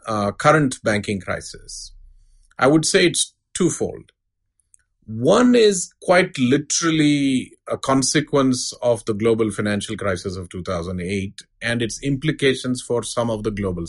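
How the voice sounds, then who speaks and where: A middle-aged man giving a measured, unscripted explanation as an expert interview guest. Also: mid-range voice, big pitch swings. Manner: measured, explanatory, uses analogies. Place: studio.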